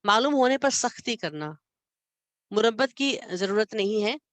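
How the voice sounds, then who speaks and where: A woman reading a literary short story aloud with expressive, measured narration and adding her own commentary. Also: on the high side, dry recording. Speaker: literature channel reader.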